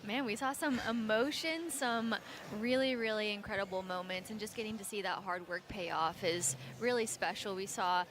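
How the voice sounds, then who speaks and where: A woman's voice: medium pitch, moderate pace, background noise. A woman guest analyst giving casual live sports commentary.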